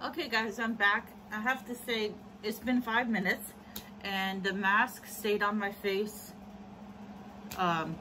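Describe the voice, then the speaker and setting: Chatty, self-mocking woman vlogger talking through a face mask, mid-pitched, faint AC hum behind. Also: fairly even intonation, slow. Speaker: beauty vlogger. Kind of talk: casual product review. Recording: faint air conditioner hum. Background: air conditioner hum.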